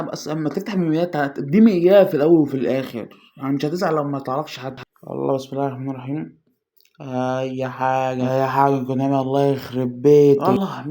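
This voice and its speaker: His voice is a little high, carrying an Egyptian Arabic accent as he opens packs for his gaming channel. The commentary is excited, anxious and pleading, lurching from groans to shouts.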